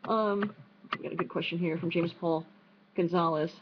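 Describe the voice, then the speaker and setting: A woman with a New York accent answering audience questions online in a quick, chatty way, full of fillers and restarts. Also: lowish voice, steady tone, slightly rough. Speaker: speaker at an online unconference. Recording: dull lo-fi stream with faint noise.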